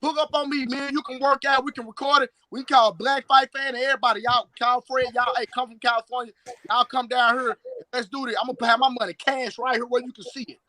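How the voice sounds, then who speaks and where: A man's voice: very high-pitched, steady tone, fast talker, bright, forceful tone, dry recording. A man in his late thirties, a strength and conditioning coach, talking boastfully and emphatically as a guest on a live stream. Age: 30s. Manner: boastful, emphatic, repeats words. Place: live video call.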